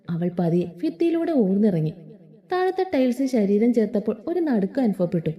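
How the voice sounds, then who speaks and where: A woman narrating a story with an expressive, emotional reading. Her voice is mellow and very dark in tone, pitched slightly high, and swings widely in pitch as she reads.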